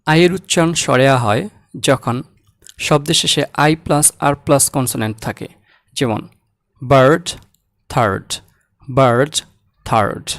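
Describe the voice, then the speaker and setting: A man teaching English pronunciation, saying example words slowly and repeating them. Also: medium pitch, fairly bright tone, no room sound, clean studio sound. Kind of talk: slow, deliberate language lesson.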